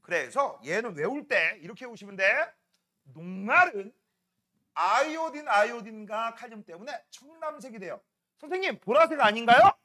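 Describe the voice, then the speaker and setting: High-voiced, lively male science teacher. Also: moderate pace. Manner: teasing, banters with students, colloquial. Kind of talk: classroom lecture.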